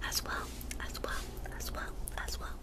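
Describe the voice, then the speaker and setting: A young woman performs a whispered role-play as an energy healer. Her breathy whisper comes from right up at the mic. She delivers it as fast, insistent ASMR, giving orders and repeating words in rapid strings. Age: young adult. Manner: commanding, directing the listener to focus. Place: small dark room indoors. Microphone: close desk microphone.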